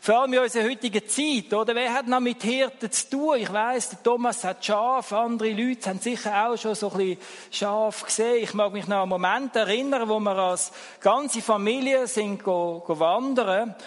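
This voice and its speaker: High-voiced Swiss German preacher. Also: male voice, moderate pace. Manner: conversational, repeats phrases for emphasis. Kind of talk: sermon. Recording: long church-hall reverb.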